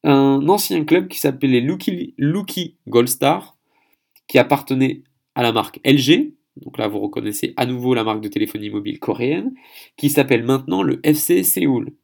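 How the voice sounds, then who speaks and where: A man's voice: mid-range voice, moderate pace, gravelly, darkish tone. A man hosting a solo podcast episode, speaking in a chatty, hesitant way and stumbling over foreign names. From France. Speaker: podcast host.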